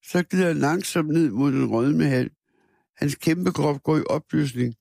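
Gravelly man reading a somber story. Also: a little high, a little mellow, no echo, clean studio sound. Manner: measured, somber reading with small restarts. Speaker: narrator. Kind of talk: first-person literary narration read aloud.

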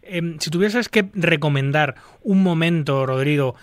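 A man from hosts a podcast interview. His voice sits a little high, and he agrees readily and asks long, winding questions. The recording is dry and close, with no room sound. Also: a little slow, dry recording. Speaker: podcast host.

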